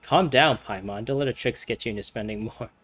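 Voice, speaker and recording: A woman giving casual, chatty commentary over a game playthrough, full of fillers and loud reactions. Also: rumbling low, brisk, background noise. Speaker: gameplay commentator.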